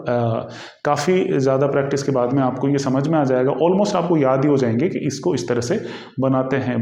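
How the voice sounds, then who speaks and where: A male English teacher with an Indian accent giving an exam-prep grammar lesson, explaining slowly, repeating himself and pausing often. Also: medium pitch, mellow. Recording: echoey room.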